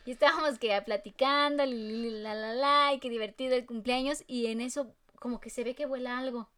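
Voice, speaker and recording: A woman with a Mexican Spanish accent co-hosting a podcast, chatting casually and telling stories with a lively, laughing manner. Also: on the high side, a little fast. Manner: lively storyteller, laughs often. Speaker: podcast co-host. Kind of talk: casual chat.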